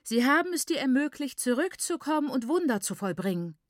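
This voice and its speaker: Woman doing a jubilant young woman, high and melodic, ululating; storybook figure. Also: very animated, no room sound. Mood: gushing. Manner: drawn-out melodic words, high ululating cries. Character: jubilant, gushing young woman, loud and sing-song. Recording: dry close recording.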